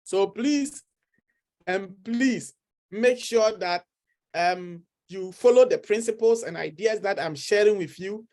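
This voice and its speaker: Talking persuasively to camera, a middle-aged study-abroad consultant with a Ghanaian accent earnestly encourages viewers and repeats his key points. His voice is high and darkish in tone, and he speaks slowly.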